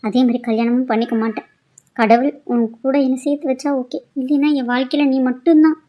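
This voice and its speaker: Woman voicing a proud young cartoon heroine, high voice, sharp and scolding, pleading. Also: fast, lo-fi sound, natural voice. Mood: tearful. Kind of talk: cartoon drama dialogue.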